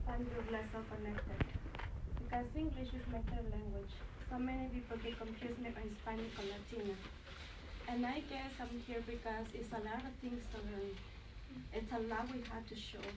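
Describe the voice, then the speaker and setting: A woman in her forties, a speaker at a forum, gives halting, emotional testimony in English, her first language being Nahuatl. Her voice is fairly high, and she pauses to search for words. She was recorded in an echoey community center meeting room with a distant mic and a noisy background.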